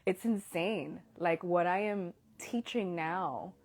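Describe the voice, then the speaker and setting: A woman's voice: on the low side, takes it slowly. A woman in her thirties hosting a live stream, talking earnestly and sometimes dropping to a whisper while holding back tears. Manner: heartfelt, earnest, drops to whispers when moved. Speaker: host of an Instagram Live. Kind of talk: emotional casual live stream talk.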